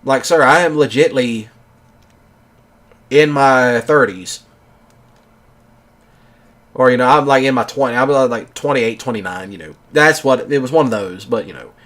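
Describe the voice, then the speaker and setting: Brief: male vlogger, 30s, mid-pitched, casual and rambling, leans on "you know" constantly. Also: measured pace, long pauses, fairly bright tone. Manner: rambling, filler-heavy with many "you know"s. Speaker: gaming channel host. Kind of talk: casual storytelling monologue.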